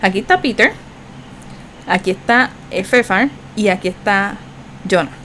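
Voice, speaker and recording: Woman, casual gameplay commentary, chatty, animated, medium pitch. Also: a little slow, a little hiss or hum. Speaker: gaming channel host.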